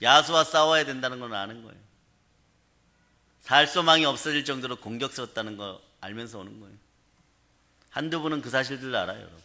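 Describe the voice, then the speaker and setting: A man's voice: mid-range voice, fast, long pauses, sharp tone. A man preaching a sermon as pastor, emphatic and often calling out to the congregation. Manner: emphatic preaching with frequent call-outs to the congregation.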